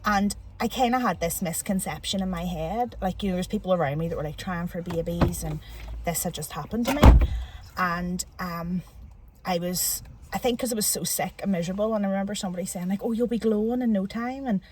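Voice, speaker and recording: A woman's voice: on the low side, steady tone, brisk. Chatty Northern Irish woman, slightly distant. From Northern Ireland. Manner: chatty, emotional storytelling with many fillers. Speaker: interview guest. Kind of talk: casual chat. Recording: voice a little distant from the mic, faint background noise.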